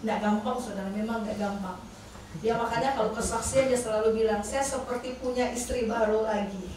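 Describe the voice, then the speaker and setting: A middle-aged woman, a pastor's wife, telling her testimony in an animated sermon and often turning to address the congregation. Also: on the high side, brisk, distant mic. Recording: very echoey church hall, voice from afar, faint noise.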